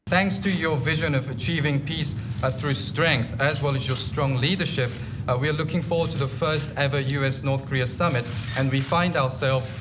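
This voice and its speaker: A man speaking as a live interpreter, rendering a formal statement in measured phrases with hesitant pauses. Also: medium pitch, background noise. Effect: live interpreter voice-over.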